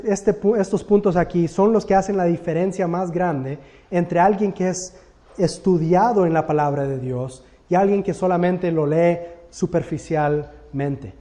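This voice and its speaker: A man leads a Bible study class in a patient, explanatory way, often pausing to check that his listeners follow. His voice sits a bit high for a man, yet the tone stays soft and warm.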